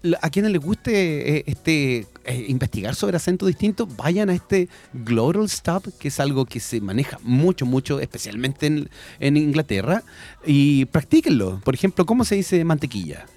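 Lively man co-hosting radio. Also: a little high, normal speed, faint music behind. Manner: lively, explanatory, switches between Spanish and English. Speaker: radio show co-host. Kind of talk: bilingual educational radio chat about English accents. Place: radio studio.

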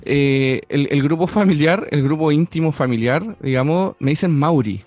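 A man from Chile who grew up in Buenos Aires, with an Argentine Spanish accent, telling stories as a guest in a relaxed way, often repeating his words. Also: fairly high pitch, moderate pace, no echo, soft background music. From Chile, raised in Buenos Aires. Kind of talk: casual interview chat.

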